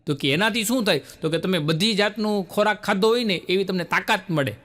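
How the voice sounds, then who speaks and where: A stand-up comedian performs on stage before a laughing audience, acting out the characters in his stories with many quoted voices while punchlines draw laughs. His voice is high-pitched, a bit bright, and a little fast.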